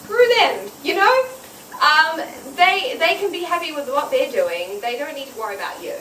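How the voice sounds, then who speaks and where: A woman's voice: sits high, a little fast, pushed and bright. A young woman with a New Zealand accent, chatting as a cosplayer guest in an interview, bubbly and laughing often. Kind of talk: casual interview chat. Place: outdoor public gardens. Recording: roomy, distant outdoor mic with noise.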